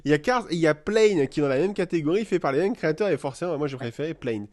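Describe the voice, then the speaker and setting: Playful French host, slightly high. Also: male voice, very fast. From France. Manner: lively, playful, laughs often. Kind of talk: casual live chat. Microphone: live video call.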